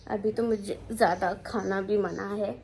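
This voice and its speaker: A woman's voice: mid-range voice, fairly even intonation, measured pace, creaky, darkish tone, a little hiss or hum. A young woman chatting casually for her home vlog, rambling and repeating herself as she talks. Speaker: family vlogger. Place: at home indoors.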